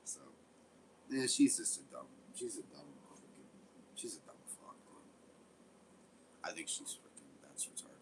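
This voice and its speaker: A man's voice: extremely low pitch, big pitch swings, measured pace, pauses often, a little mellow, a little hiss or hum, poor audio. A man giving casual, rambling gameplay commentary, swearing often. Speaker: game streamer.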